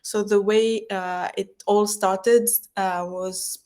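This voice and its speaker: A woman's voice: mid-range voice, steady tone, takes it slowly, darkish tone. A woman entrepreneur from Tunisia presenting her company at a conference, speaking hesitantly with many fillers and restarts.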